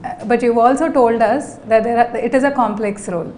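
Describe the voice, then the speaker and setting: A woman's voice: fairly high pitch, fairly even intonation, quick pace, darkish tone, a little hiss or hum. A woman with a Telugu Indian accent asking questions in a conversational film interview.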